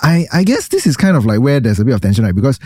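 A man's voice: mid-range voice, sing-song, very fast, darkish tone, no echo, studio quality. A young man with a Singaporean English accent, co-hosting a podcast in rambling, casual chat with local slang and many fillers. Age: young adult. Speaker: podcast co-host.

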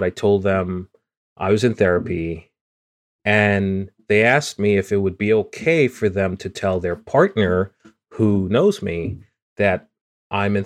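A man from Guyana with a fairly low voice, speaking earnestly on a podcast. He talks openly and at an easy conversational pace, often stumbling and restarting a phrase. The tone is candid and unguarded. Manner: earnest and open, with frequent restarts. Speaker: podcast co-host.

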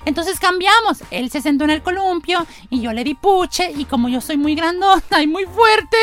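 A woman's voice: expressive, moderate pace, fairly bright tone. Woman doing giggly seven-year-old girl. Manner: high childish chatter, giggly storytelling. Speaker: podcast guest. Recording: music playing under the voices.

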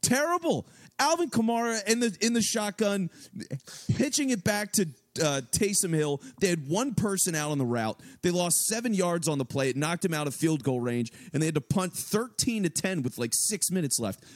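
A man talks sports in a loose, profane, rambling way, his voice sitting a little high for a man. He keeps circling back and restarting his sentences. The sound is dry and close. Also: lively intonation, normal speed, no room sound. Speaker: sports podcast co-host. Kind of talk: casual sports talk.

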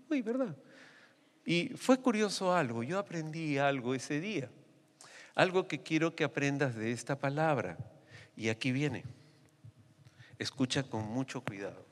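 A man with a Peruvian accent preaching a sermon, telling stories with lively, sudden leaps in pitch. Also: big-room sound. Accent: Peruvian Spanish. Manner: animated storytelling with sudden pitch jumps. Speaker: pastor.

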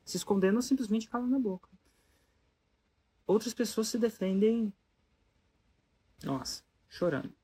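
A speaker, telling a story casually to an audience in an animated way and asking the listeners rhetorical questions. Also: mid-range voice, moderate pace, long pauses, slightly rough.

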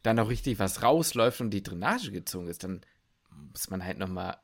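A young man chats loosely on a medical podcast, his voice sitting on the low side. He rambles and strings thoughts together with many fillers, in relaxed casual talk. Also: fairly quick. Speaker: podcast co-host, medical student. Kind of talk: casual chat.

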